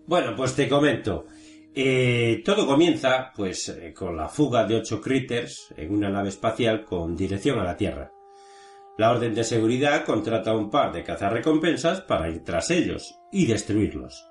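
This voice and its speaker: Lively Spanish man in echoey room. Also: fairly low pitch, normal speed, soft background music. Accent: Spain. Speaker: film show co-host. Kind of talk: scripted plot summary and casual discussion. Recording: roomy, echoey sound.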